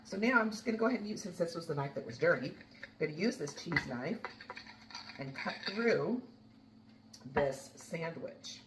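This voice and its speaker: Low-voiced woman cooking in an echoey kitchen. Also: expressive, moderate pace, pauses often, distant mic, background noise. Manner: chatty, homey, talks while cooking and tasting. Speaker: home cooking host. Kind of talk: casual cooking demonstration. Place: home kitchen.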